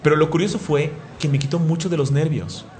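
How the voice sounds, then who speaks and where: A man's voice: a little high, a little fast, a little mellow. A Mexican man hosting a radio talk show, telling a story in a joking, self-mocking way and acting out the dialogue. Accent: Mexican Spanish.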